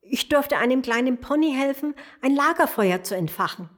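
A woman voicing a little boy dragon in a storybook, with a high, earnest childlike voice. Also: animated, moderate pace. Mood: eager. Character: little boy dragon, sad then eager.

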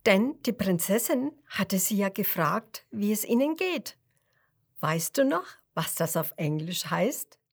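A woman's voice: medium pitch, expressive, slow, husky. A woman narrating a children's story and speaking directly to the child listening.

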